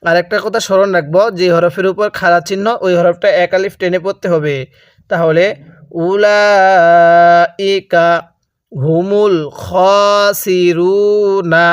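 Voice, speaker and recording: A man's voice: high-pitched, fairly even intonation, fairly quick, dry recording, clean studio sound. A man teaching Quran recitation, breaking words into syllables patiently and asking listeners to repeat after him. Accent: Bangladeshi Bengali. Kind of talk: slow step-by-step recitation lesson.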